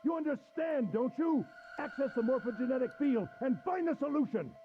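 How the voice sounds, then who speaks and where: An actor playing a sinister adult gentleman villain in a video game, falsely polite, taunting and cruel. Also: very high-pitched, animated, fairly quick, phone-quality sound, loud music behind the voice.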